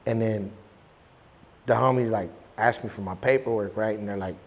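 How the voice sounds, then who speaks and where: In a casual interview, a young male guest tells his story in a lowish, fairly even voice at a moderate pace. He rambles in slang, restarting often and dropping "you know what I'm saying." The lo-fi recording sounds like a large hall.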